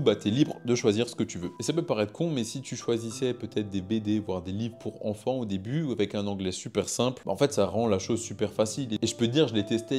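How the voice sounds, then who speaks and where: Relaxed, mellow-voiced French YouTuber man. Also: fairly low pitch. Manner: informal, addresses the viewer as "tu", conversational fillers, emphatic bursts. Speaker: YouTuber rating ways to learn English. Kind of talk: casual explainer talking to camera.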